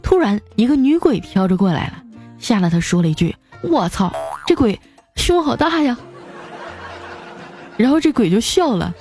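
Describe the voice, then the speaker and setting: A woman's voice: fairly quick, faint music behind. Woman host reading funny listener jokes. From China. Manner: lively, jumps up in pitch for quoted lines and laughs at jokes. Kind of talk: comedic joke-reading show.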